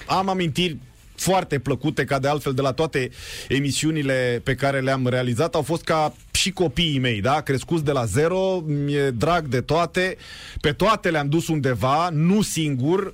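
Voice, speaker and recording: A man hosting a live sports talk show, quickly running through match results and chatting with his guest. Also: on the high side, no echo. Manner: quick newsreader-style rundown of results, chatty asides.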